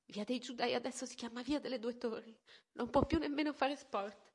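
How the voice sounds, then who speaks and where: Una donna che legge la parte di Elena, una ragazza testarda che parla con foga alla madre. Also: female voice, mid-range voice, a little fast, natural voice. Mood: distressed. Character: teenage girl, headstrong and defiant daughter.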